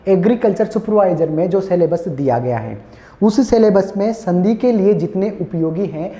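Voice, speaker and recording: A man teaching an exam-prep class, explaining each point over and over, calling his students friends and slowly sounding out vowels. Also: high voice, lively intonation, dark tone. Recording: echoey room, dull lo-fi sound.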